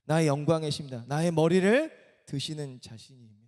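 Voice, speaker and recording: A man's voice: fairly high pitch, brisk, a little mellow. A man preaching a sermon at a church worship service. He speaks emphatically and keeps asking the congregation questions. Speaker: pastor. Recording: long reverb of a large hall.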